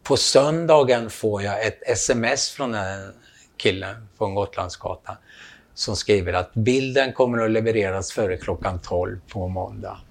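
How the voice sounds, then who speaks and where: A man's voice: on the low side, gravelly. A man telling a long anecdote, acting out the dialogue as he goes. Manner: animated storytelling, acts out quoted dialogue. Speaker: storyteller, photographer.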